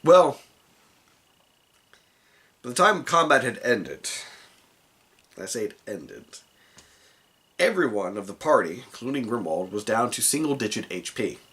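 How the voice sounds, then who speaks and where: A man's voice: medium pitch, sing-song, measured pace, pauses often, a bit bright. A man recounting a tabletop game session as the dungeon master, rambling with many asides. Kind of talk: casual tabletop game recap.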